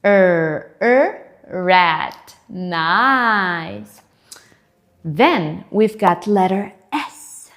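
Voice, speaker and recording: Woman, children's phonics teacher, very slow deliberate pace, drawn-out letter sounds, encouraging. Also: mid-range voice, expressive, a bit bright. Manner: encouraging, asks children to repeat.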